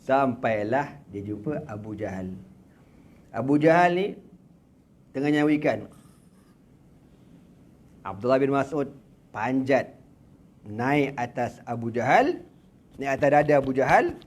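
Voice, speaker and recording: Speaking slowly and leaving long pauses, a medium-pitched man with a Malaysian Malay accent lectures on religion in a prayer room. The religious teacher tells his story playfully, mixing in slang and sound effects.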